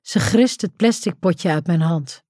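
A woman's voice: on the low side, a little slow, warm tone, dry recording, studio quality. A woman narrating a first-person audiobook in an intimate, tense storytelling manner.

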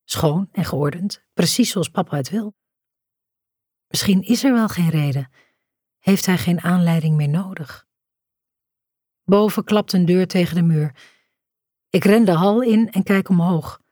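Woman, audiobook narrator, first-person novel reading, slow measured hushed delivery, lowish voice, dry close recording. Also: no echo.

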